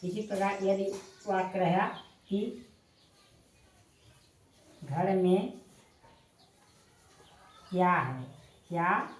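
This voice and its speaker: A woman teaching a language lesson, dictating slowly and repeating each word for her students. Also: mid-range voice, lively intonation, echoey room. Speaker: Sanskrit teacher. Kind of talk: classroom-style lesson.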